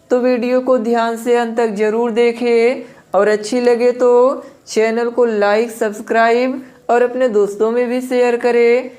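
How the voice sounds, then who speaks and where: Woman math tutor, higher voice, unhurried patient explanation. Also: a little mellow. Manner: slow, patient, addresses viewers as friends. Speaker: math teacher. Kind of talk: step-by-step classroom explanation.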